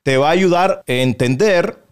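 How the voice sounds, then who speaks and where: A man's voice: fairly high pitch, moderate pace, smooth. A man in his forties giving opinionated commentary in an indignant, emphatic, scolding manner, translating and judging clips. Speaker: video commentator.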